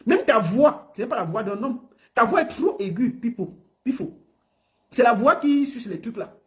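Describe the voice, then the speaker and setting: Mocking, scolding woman. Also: medium pitch. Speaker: online personality. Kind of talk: livestream rant.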